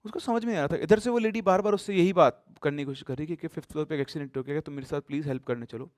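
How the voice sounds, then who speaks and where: A man telling a horror story casually and animatedly, mixing in English words and swinging between loud suspense and hushed tones. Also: fairly high pitch, very fast, dry recording.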